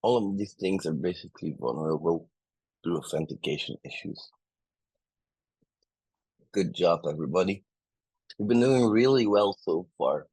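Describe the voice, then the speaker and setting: A man's voice: low-pitched, expressive, normal speed, pauses often, a little mellow, slightly rough, no room sound, low-quality recording. A man teaching bug bounty hunting in a casual livestream, chatty and making joking asides to his chat. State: a bit out of breath.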